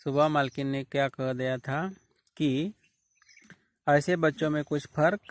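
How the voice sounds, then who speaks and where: A male teacher slowly explaining a story line by line, paraphrasing idioms and clearing his throat often. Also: fairly high pitch. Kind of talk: classroom lecture explaining a story.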